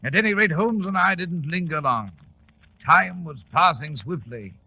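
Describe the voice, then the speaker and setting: An actor playing an earnest English gentleman doctor, a detective's loyal companion, in 1940s radio drama with a British accent. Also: on the high side, expressive, measured pace, vocal fry, slightly rough, lo-fi sound, full character voice. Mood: grave, recounting. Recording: faintly noisy 1940s radio recording.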